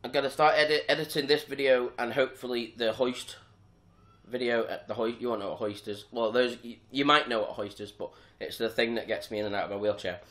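A man's voice: mid-range voice, brisk. Casual young man. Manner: relaxed, rambling, with fillers and restarts. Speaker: vlogger. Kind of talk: casual vlog chat.

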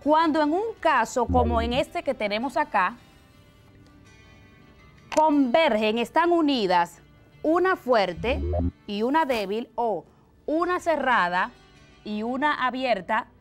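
A woman teacher with a Dominican accent, explaining a language lesson for television slowly and deliberately, step by step. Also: high voice, animated, faint music behind.

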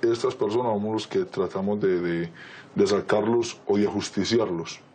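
Anonymous Colombian man, disguised deep voice, dark and mellow tone, blunt interview answers. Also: fairly quick, slight background noise. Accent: Colombian Spanish. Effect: voice electronically disguised, pitched deep.

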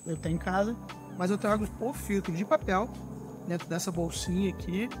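A Brazilian man in his thirties with a notably high voice walks through his camp coffee kit. He talks in a relaxed, explanatory way, handling the gear as he speaks. He is recorded outdoors in a forest on a lapel mic, with music playing clearly under crickets and insects. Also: normal speed. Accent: Brazilian Portuguese. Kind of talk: casual outdoor demonstration.

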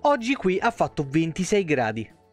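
A man's voice: fairly high pitch, huge pitch swings, normal speed. A young man with an Italian accent and a sore throat, streaming a game from home on a headset mic and chatting casually, greeting viewers by name and swearing freely. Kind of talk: casual live-stream chat. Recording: faint music behind.

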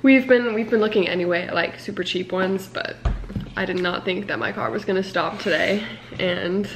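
A woman's voice: medium pitch, normal speed, noisy background. A young woman chatting casually in a vlog, giggling often between lines. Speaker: vlogger.

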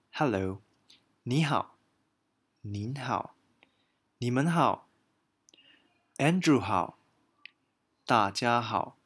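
Man, from Malaysia, beginner lesson, very slow pace, careful repetition. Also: mid-range voice, fairly bright tone. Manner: slow, careful, repeats each word for learners. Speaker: language teacher.

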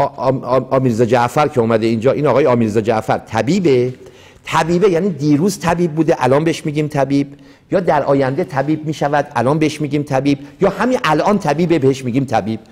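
A man's voice: medium pitch, darkish tone. A middle-aged man teaching mystical texts in a lecture to a seated audience, full of rhetorical questions and small acted-out dialogues. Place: hall with a live audience.

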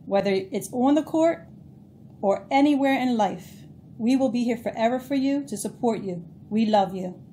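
A woman records a proud, steady message of support on behalf of her family. Her voice is mellow and soft-edged, with faint room noise behind it. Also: on the high side, normal speed. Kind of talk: heartfelt recorded video message.

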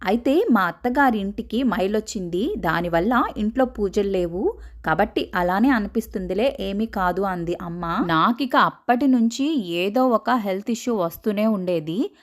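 A woman narrating a first-person horror story in a steady, even storytelling manner. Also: mid-range voice, normal speed.

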